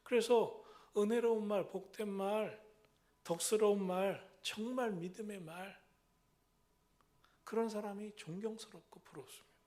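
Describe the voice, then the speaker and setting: Middle-aged male pastor, slightly high voice, rhythmic repetitive preaching, loud calls dropping to whispers. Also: measured pace. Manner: swings between loud exhortation and hushed whispers. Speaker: senior pastor. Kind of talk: sermon.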